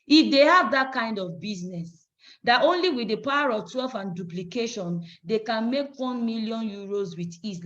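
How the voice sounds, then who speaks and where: A woman's voice: fairly high pitch, fairly bright tone. A woman with a Nigerian English accent giving a motivational sales training talk, emphatic and preachy, acting out phone calls as she teaches. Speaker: business trainer. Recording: dull lo-fi recording.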